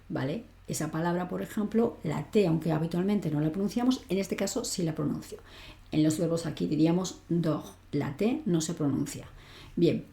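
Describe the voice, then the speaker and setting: A woman leads an online grammar lesson, walking through each rule step by step and checking in with the learner as she goes. Her voice sits a little low and sounds mellow. The recording has a noticeable echo from the room. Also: gravelly. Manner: explains step by step, often checks with "¿vale?". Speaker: language teacher.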